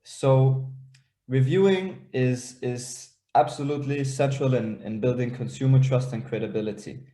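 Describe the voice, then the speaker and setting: A man's voice: medium pitch, measured pace, dark tone, roomy sound. A young man from Denmark and Israel, a startup founder presenting on a video call, talking hesitantly with many fillers and restarts.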